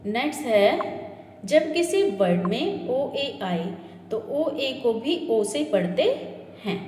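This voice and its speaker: A woman teaching English pronunciation in a classroom-style lesson, slowly drilling example words and checking in with her listeners. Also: a little high, big pitch swings, darkish tone. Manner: checks in with "ठीक है" and "है ना". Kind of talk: classroom-style lesson explaining word sounds. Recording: echoey room with long reverb and faint hiss.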